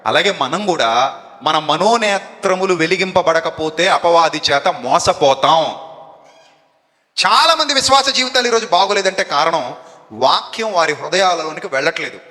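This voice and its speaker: A man's voice: fairly high pitch, lively intonation, normal speed, pushed and bright. A man preaching a sermon to a live congregation, firing questions at them and getting them to answer back. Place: church hall with a live congregation. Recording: echoey hall reverb.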